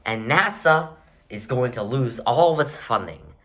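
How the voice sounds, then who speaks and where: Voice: medium pitch, expressive, a little slow, a bit bright. A space enthusiast delivering an escalating comedic rant, sarcastic and exasperated, with dramatic emphasis on repeated words.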